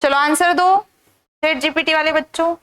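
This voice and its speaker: A woman teaches English vocabulary to an online class. Her voice sits high. She drills her students with rhetorical questions and scolds them sternly when they slack off. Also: steady tone, normal speed, fairly bright tone. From India.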